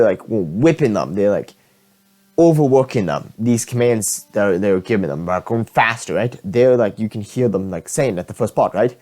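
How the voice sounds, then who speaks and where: Low-voiced man rambling about film. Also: dark tone. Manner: rambling, many "like" and "right?" fillers, frequent restarts. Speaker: film video host. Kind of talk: casual film analysis to camera.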